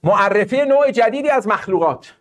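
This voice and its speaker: A man with a high-pitched voice teaches an online exam-prep English class. He talks animatedly, reacting to students and the live chat as he goes. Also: animated.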